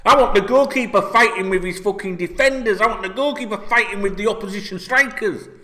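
A fast-talking, high-voiced football vlogger in his forties from North Yorkshire, England, rants to camera in his Yorkshire accent while seated in a red chair in a small indoor room. His casual opinion talk is blunt, sweary, and animated, and he keeps asking "right?"

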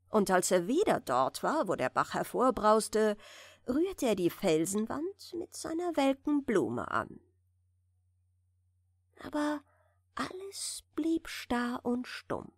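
Gently and soothingly, a female audiobook narrator tells a bedtime fairy tale, her pitch moving expressively while her pace stays very unhurried. At times she sinks to a breathy near-whisper. The recording is close and dry, with no echo.

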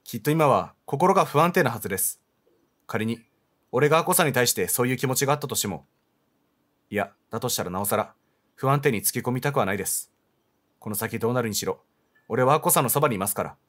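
A man reading aloud the lines of a kind, polite young man in a horror game, calm and subdued. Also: medium pitch, fast, pauses often. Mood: gentle.

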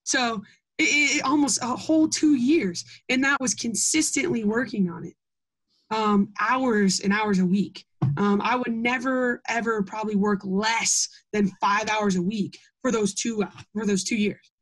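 In an unhurried, higher-pitched voice, a young adult scout from Iowa answers questions about her Gold Award project. She comes across as earnest, with lots of ums and restarts, and the recording is rough.

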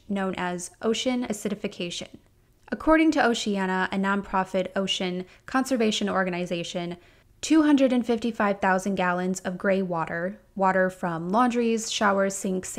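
A woman hosting a podcast, reading a prepared script with a few casual asides of her own. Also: mid-range voice. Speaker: podcast host.

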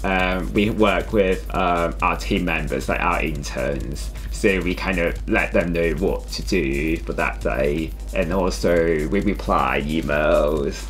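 A young man from Hong Kong, with a Hong Kong accent, chats casually while being interviewed as a designer indoors in a small studio room with clothing rails. His voice sits low and he takes it slowly with few pauses, faint music playing behind.

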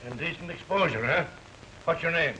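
Skeptical cop sergeant, dry screwball comedy banter, fast sharp voice, hissy 40s movie. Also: male voice, a little high, low-quality recording. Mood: skeptical, curt. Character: brusque, skeptical police sergeant. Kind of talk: 1940s comedy film acting. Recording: hissy old 1940s film soundtrack.

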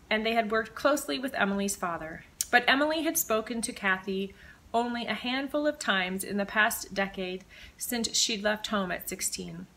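A woman author reading her own mystery novel aloud with measured, expressive storytelling. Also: medium pitch, rough recording. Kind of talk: audiobook-style reading of fiction.

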